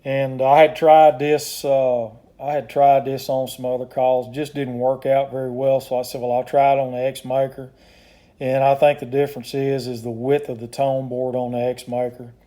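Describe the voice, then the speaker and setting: A man giving a casual product demonstration as a maker of hunting calls, explaining in a plainspoken, folksy, unhurried way. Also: medium pitch, flat delivery, mellow. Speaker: duck call maker demonstrating his product.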